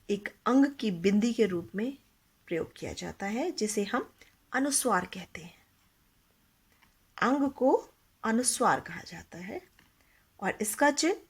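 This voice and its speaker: A woman's voice: mid-range voice, breathy edge. A woman teaching a Hindi grammar lesson to young children, explaining patiently, asking the class questions and mixing English words into her Hindi.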